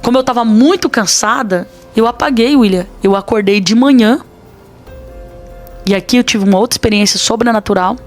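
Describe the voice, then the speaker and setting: A woman's voice: a little high, moderate pace, soft background music. Brazilian woman pastor telling a story. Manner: earnest, dramatic storytelling with quoted dialogue. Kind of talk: personal testimony in a podcast interview.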